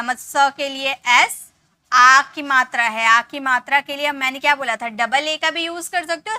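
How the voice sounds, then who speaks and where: A woman with a high, bright voice leads a spelling lesson. She talks patiently and says each word several times, slowing down so every sound is easy to hear. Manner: patient, repeats words slowly to show their sounds. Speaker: English teacher.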